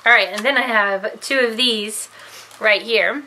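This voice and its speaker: Woman vlogger, chatty and giggly, bright forceful voice, casual talk to camera. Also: on the high side, unhurried, rough recording. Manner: chatty, giggly, self-deprecating. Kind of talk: casual vlog, tasting candy on camera.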